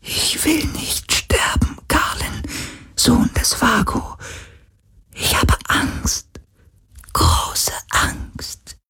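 Guy doing a sad old sea ghost, high thin breathy voice, sooo slow, half whispering. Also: sing-song, dry recording, exaggerated voice. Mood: frightened whisper. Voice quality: breathy, drawn-out, fading to whispers. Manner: slow, lamenting, childlike wonder. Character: dying ancient sea spirit, glowing sphere, mournful.

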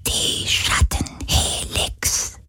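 A man voicing an ancient, lonely telepathic sea spirit in a German audiobook, speaking in a breathy hushed whisper. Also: mid-range voice, takes it slowly, voice pushed up.

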